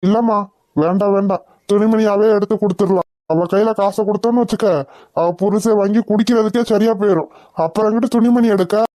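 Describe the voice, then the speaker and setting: A woman voicing a calm, mildly mocking middle-aged village father in a cartoon. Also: medium pitch, fast talker, dry recording, close to an everyday voice. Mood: firm. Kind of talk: cartoon voice acting.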